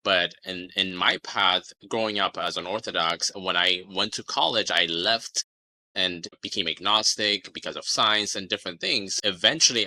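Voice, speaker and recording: Deep, bright-toned male psychiatrist guest. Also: no room sound. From Ethiopia. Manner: thoughtful, frequent "you know" and "right?". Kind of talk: casual interview talk.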